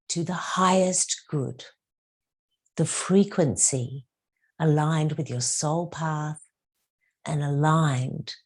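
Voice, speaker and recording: With a low, husky voice, a female spiritual teacher walks listeners through a meditation. Her speech is soothing and quiet, marked by lengthened phrases and occasional whispered words.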